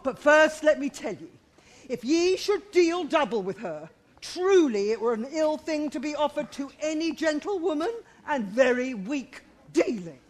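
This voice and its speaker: A woman's voice: sits high, big pitch swings, unhurried. A woman playing a garrulous older nurse in a Shakespeare play, teasing and groaning about her aches. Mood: fussy teasing. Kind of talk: Shakespeare stage acting.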